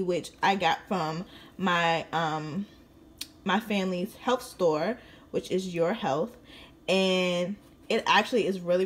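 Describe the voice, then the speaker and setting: A woman's voice: fairly low pitch, slight background noise. A woman in her twenties chatting casually in a vlog, talking into a handheld phone in a car and then a home kitchen. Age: 20s. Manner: chatty, repeats "really, really good". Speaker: vlogger.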